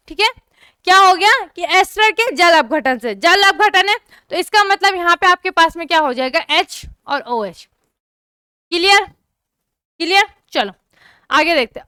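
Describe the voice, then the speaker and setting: A woman's voice: very high voice, sharp tone, dry recording, clean studio sound. A young woman teaching an online chemistry class, often stopping to check whether her students have understood. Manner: repeatedly checks understanding, asks students to comment.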